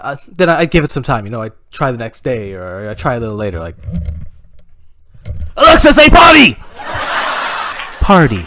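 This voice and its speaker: A man's voice: mid-range voice, a little hiss or hum. A Canadian man telling a stand-up comedy story in a rambling way, full of "you know" fillers and laughing at his own jokes.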